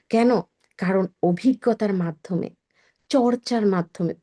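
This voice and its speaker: A woman's voice: mid-range voice, gravelly, dark tone. A woman whose first language is Bengali, teaching an Italian lesson and carefully repeating each word twice.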